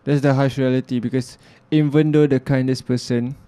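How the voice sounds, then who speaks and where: Appearing as a guest in a relaxed interview, this young man, a filmmaker and music producer, sounds earnest and thoughtful and keeps starting his sentences over. His mid-range voice holds a level tone at a moderate pace, dark, clear and resonant.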